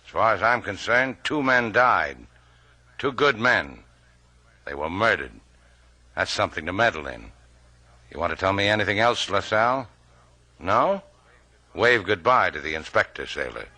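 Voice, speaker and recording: An actor playing a tough, blunt boat captain, clipped and dry in a 1950s radio drama. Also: male voice, on the low side, lively intonation, normal speed, pauses often, sharp tone. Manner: hard-bitten, clipped and dry.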